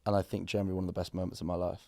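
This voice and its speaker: A young man chats on his podcast in a hoarse, low voice. His tone is mellow and relaxed as he rambles through stories and pokes fun at himself. The sound is dry and close to the mic. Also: racing, no room sound. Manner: rambling, self-deprecating storytelling. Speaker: podcast co-host. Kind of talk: casual chat.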